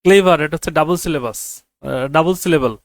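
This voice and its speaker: A man teaching an English grammar lesson, repeating key phrases slowly and checking whether his students follow. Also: on the high side, creaky, no room sound. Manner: quizzes students with rhetorical checks. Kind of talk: classroom grammar lecture.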